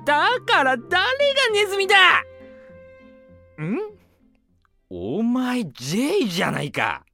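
A woman playing a pompous, gruff, quick-tempered male mouse police inspector in an audio drama, imperious and blustering. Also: on the high side, wildly swooping pitch, fairly bright tone, soft background music, heavily acted. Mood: indignant, blustering.

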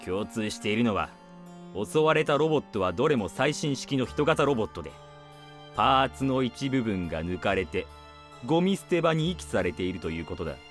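A woman playing a pompous, gruff, quick-tempered male mouse police inspector in an audio drama, imperious and blustering. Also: extremely low pitch, sing-song, faint music behind. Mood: grave, gruff.

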